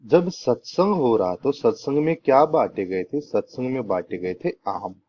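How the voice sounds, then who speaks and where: A man's voice: medium pitch, very animated, normal speed. A young man, teaching an exam-prep lesson with memory tricks, repeating points and asking rhetorical questions before answering them. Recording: dull lo-fi recording with faint noise.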